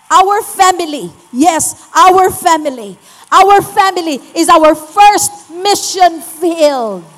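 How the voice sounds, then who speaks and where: A woman pastor preaching a sermon with emphatic, urgent exhortation in a church hall. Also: extremely high pitch. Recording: long church hall reverb.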